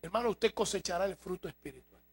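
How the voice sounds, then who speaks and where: A man's voice: high-pitched, quick pace, slight background noise. A man preaching a sermon to his congregation, emphatic and full of rhetorical questions. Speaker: pastor. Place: church.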